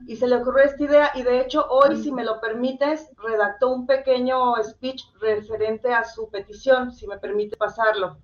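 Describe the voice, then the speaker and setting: A woman with a high voice talks as a guest, explaining step by step in a conversational way. She speaks directly to the host, and the sound is a little dull and lo-fi. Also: steady tone, moderate pace, hardly any pauses. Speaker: interview guest and campaigner.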